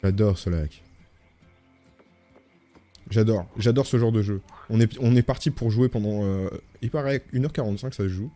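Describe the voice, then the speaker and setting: A man's voice: fairly low pitch, normal speed, long pauses, mellow, soft background music. A male streamer chatting casually as he plays a game, reading text aloud and joking. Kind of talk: gaming livestream commentary.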